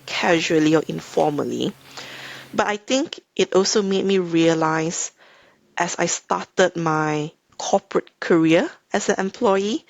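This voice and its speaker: A woman in her thirties from Malaysia with a Malaysian accent, speaking as a podcast guest in a measured, reflective way. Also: on the low side, creaky. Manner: thoughtful, measured, frequent hedging "I think". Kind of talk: reflective interview talk.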